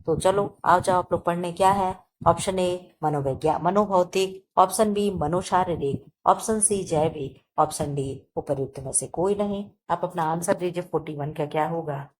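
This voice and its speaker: A woman's voice: fairly low pitch, slight background noise. A woman teacher reading multiple-choice exam questions aloud and answering them, checking in often with her students. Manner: reads options slowly, repeats "ठीक है" often. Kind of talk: exam-prep lesson reading quiz questions. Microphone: phone recording, voice-over of book photos.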